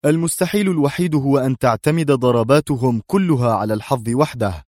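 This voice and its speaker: A man's voice: fairly low pitch, a little fast, darkish tone, no echo, clean studio sound, close to an everyday voice. A man voicing a stern, commanding male defense secretary who speaks curtly and severely in an audiobook thriller. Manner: curt and severe.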